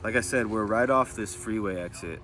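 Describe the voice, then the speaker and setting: Low-voiced man rambling through a testimony. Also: moderate pace. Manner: rambling, filler-heavy, keeps asking "right?". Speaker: vlogger. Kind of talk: personal testimony storytelling.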